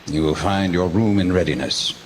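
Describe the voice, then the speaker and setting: An actor playing a sinister, courteous ancient vampire count in a radio horror drama, speaking formally with menacing politeness. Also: male voice, low-pitched, normal speed, close to an everyday voice. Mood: courteous menace. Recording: very noisy radio drama sound bed.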